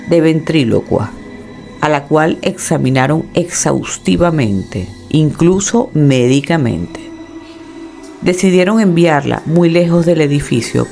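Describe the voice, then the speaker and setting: A man reading a scripted horror story in a dramatic, measured storytelling manner. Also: fairly high pitch, vocal fry, a little mellow.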